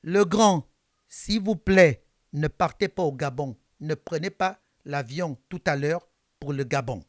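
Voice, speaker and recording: A man's voice: fairly high pitch, a little slow, no room sound, clean studio sound, natural voice. A man quoting an anonymous woman caller who pleads with him insistently at night. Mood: pleading.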